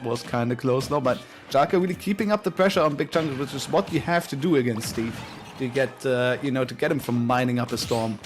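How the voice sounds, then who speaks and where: Man, esports play-by-play commentator, energetic, lots of fillers, mid pitch, faint music behind. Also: fairly quick.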